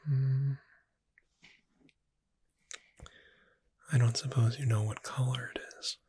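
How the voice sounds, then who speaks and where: Voicing a friendly witch who sells books, the ASMR performer keeps to a gentle, unhurried, lightly wry breathy near-whisper. The mid-range voice stays steady in tone, and the feel is helpful and relaxed.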